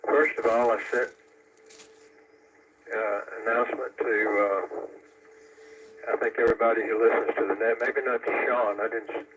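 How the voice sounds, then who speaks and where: A man running an amateur radio net over a two-way radio, relaying announcements and a history talk in a halting way, with many pauses and fillers. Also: mid-range voice, steady tone. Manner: halting delivery with frequent "uh" fillers. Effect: heard over a two-way radio with static. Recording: tinny, distant radio transmission with static.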